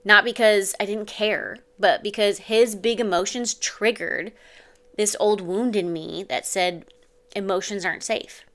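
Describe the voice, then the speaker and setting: An adult mother working as a parenting coach speaks earnestly to the camera in a steady, mid-range voice with a fairly bright tone, unhurried. Her advice feels confiding, peppered with "like" and "okay?".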